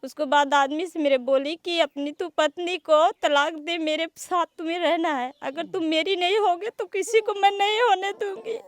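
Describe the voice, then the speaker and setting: A woman's voice: very high voice, steady tone, normal speed, hardly any pauses, no echo, studio quality. A woman gives a tearful, pleading account to a reporter. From eastern Uttar Pradesh. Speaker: interviewee, complainant. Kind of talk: emotional spoken account.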